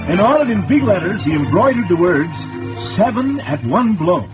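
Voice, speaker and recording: A man's voice: high voice, very animated, normal speed. A man narrating a children's story in a folksy way with chatty asides and chuckles, heard on a very old recording. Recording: dull old recording with loud music.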